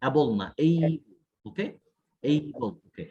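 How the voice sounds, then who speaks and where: A man's voice: mid-range voice, lively intonation, a little fast, muffled recording, a little hiss or hum. A man, an IELTS tutor going through a student's mistakes point by point. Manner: corrective, explains mistakes point by point. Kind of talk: one-on-one feedback lesson.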